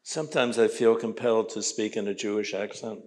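A man's voice: fairly low pitch, fairly even intonation, a little fast, a little mellow. A man in his eighties from New York, an artist on a panel, talking casually and making wry jokes. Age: 80s. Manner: wry, joking asides.

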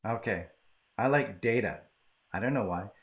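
A Canadian man hosts a live-streamed conversation from his home in southern British Columbia. His voice sits on the low side at a normal speed, and he's casual and chatty, laughing easily.

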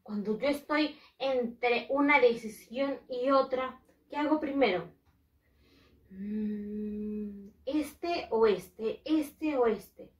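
A woman teaching English to young children, a Spanish speaker who drills pronunciation slowly and emphatically and switches between two languages. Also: a little high, echoey room, far from the mic, muffled recording. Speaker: first-grade English teacher. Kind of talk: bilingual classroom lesson.

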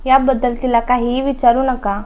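A woman reading the lines of a concerned middle-aged man giving careful advice, in her high voice. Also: little pitch movement, moderate pace, darkish tone, slight background noise, close to an everyday voice.

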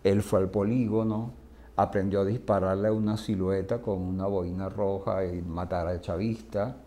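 A psychiatrist with a Venezuelan accent, appearing as an interview guest, tells stories vividly and acts out what people said. His voice is fairly low and mellow.

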